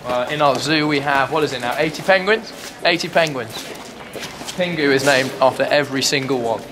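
A young English man co-hosting a comic tour, adding quick agreeing asides and dry jokes. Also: mid-range voice, noisy background. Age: young adult. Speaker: student co-host. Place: large echoing dining hall and stone cloisters.

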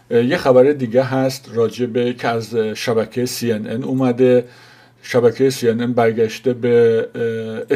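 Older Iranian man, flat halting news commentary. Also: medium pitch. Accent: Iranian Persian. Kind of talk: informal news commentary to camera.

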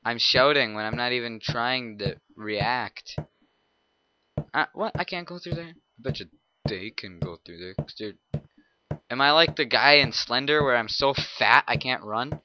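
A young man giving let's play commentary on a horror game, excitable, jumping from mutters to shouts and creepy whispers. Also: mid-range voice, unhurried, background noise. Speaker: gameplay commentator.

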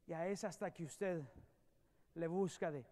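A man preaching a sermon as a pastor, swinging from loud emphatic peaks to hushed storytelling. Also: fairly high pitch, a little slow. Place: church sanctuary.

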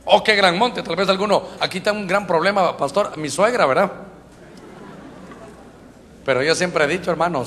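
Brief: Honduran male preacher, bright and forceful tone, echoing church hall. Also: on the high side, a little hiss or hum. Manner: emphatic, constantly addresses the congregation as brother. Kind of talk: sermon.

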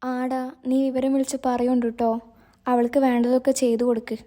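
A woman's voice: high voice, little pitch movement, normal speed, mellow, lightly acted. A woman voicing a caring middle-aged mother who worries tenderly about her son. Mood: fretful. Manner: fretful, tender.

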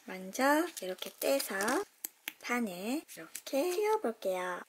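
A woman's voice: fairly high pitch, very animated, slow pace, a little hiss or hum. A woman narrating a toy unboxing for children, gushing with delighted exclamations and explaining each step in a sing-song, kid-friendly way. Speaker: toy unboxing channel host.

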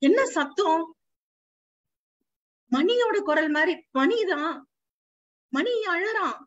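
A worried male dog recounts the family's turmoil in a high, fretful voice, as a woman storyteller puts him on. He keeps crying out in alarm, speaking in the homely speech of a traditional household. The recording is slightly dull and lo-fi. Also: expressive, slow, full character voice. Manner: fretful exclamations, Brahmin Tamil household speech. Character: male household dog narrating, anxious and watchful.

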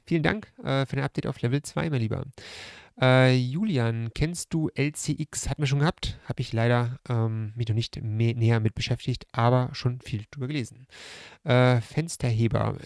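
Casting: male livestream host, thirties, tight strangled delivery, mid-pitched, close dry mic, informal. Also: darkish tone, no room sound. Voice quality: pressed, strangled-sounding, subdued voice. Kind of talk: casual livestream chat, reading and answering comments. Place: room at home by a large window. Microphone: close desk microphone on a stand.

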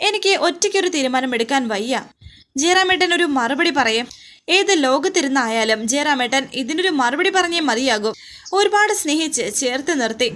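A woman's voice: sits high, fairly bright tone. A woman voicing a grieving widowed woman who asks tearful, reproachful questions.

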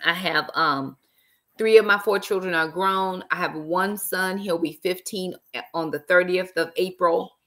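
Sitting in an armchair inside a small room, a middle-aged author hosts a casual live stream through her laptop webcam, throwing in "y'all" and praise interjections. Her voice is on the low side and a bit bright.

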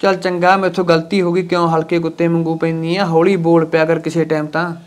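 Man as a scheming husband, placating, Punjabi accent, slightly high voice. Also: little pitch movement, fairly quick, close to an everyday voice. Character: scheming husband eyeing the family land.

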